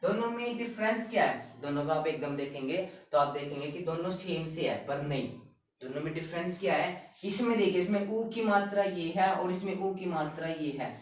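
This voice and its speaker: A man teaching a grammar lesson, explaining step by step and repeating each word slowly. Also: high-pitched. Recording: very echoey room, voice a bit far from the mic.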